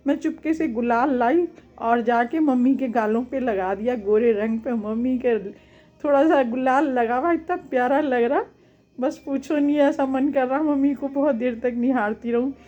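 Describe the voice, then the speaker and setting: Woman storyteller, homely family memories, fairly high, mellow voice, slightly dull lo-fi recording. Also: moderate pace. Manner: homely, recalls family memories with acted quotes. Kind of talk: personal storytelling.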